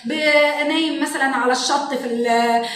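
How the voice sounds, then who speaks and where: An Egyptian woman, a parenting educator and show host, explaining classroom activities to parents in an animated way and acting out what children say. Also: high-pitched, normal speed. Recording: echoey room, mic at a distance.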